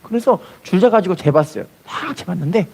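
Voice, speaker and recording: A man's voice: sits high, animated, a little fast, creaky, a little mellow, slightly rough. A man preaching a sermon as pastor, telling a story and acting out its voices, then leading the congregation to repeat after him. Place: church.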